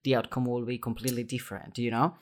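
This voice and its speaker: Male host, mid-pitched voice, musing and thinking out loud in relaxed conversation. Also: fast. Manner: reflective, thinking aloud with fillers. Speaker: podcast host. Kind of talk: casual interview.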